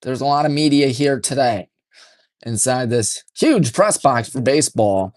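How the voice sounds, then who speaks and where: A man doing play-by-play radio commentary for a high school baseball game from a press box, folksy and partisan, keeping his voice deliberately restrained. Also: lively intonation, dry recording, studio quality. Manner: folksy, chatty, partisan toward home team; deliberately restrained, hushed delivery.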